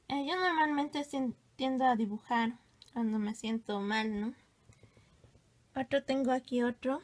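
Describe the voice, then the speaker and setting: A woman casually showing off her old hand drawings, gushing and exclaiming as she goes. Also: a little high. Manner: gushing, exclamatory, self-teasing. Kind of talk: casual show-and-tell.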